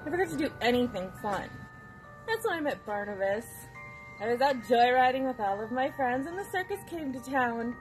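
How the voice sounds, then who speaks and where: A sassy, rebellious young woman who fled her strict preacher father for the carnival, played by a woman. Her voice sits a little high and she talks with mocking attitude. Clear music with chimes and glockenspiel plays behind her. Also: expressive, moderate pace, close to an everyday voice, low-quality recording.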